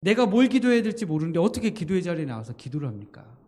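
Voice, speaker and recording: A man preaches a sermon from the pulpit, his voice sitting a little high for a man. He keeps slipping into earnest acted-out prayers, pleading one moment and pressing the next. A long church reverb trails behind every phrase. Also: big pitch swings, very fast, mellow. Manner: acts out heartfelt prayers, swinging between pleading and urging. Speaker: pastor. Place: church sanctuary during an evening revival meeting.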